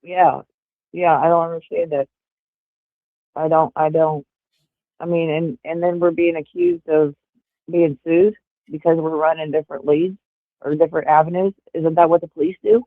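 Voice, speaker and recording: A woman in her 40s speaks at normal speed with a steady, low tone, pausing often as she rambles with many fillers. She's a livestream guest chatting casually over earbuds on a call, with a tinny phone-like line and no room sound.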